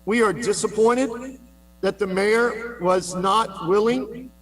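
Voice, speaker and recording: A man moderating a public meeting, firmly pressing speakers for clear commitments. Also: sits high, slow, crowd noise.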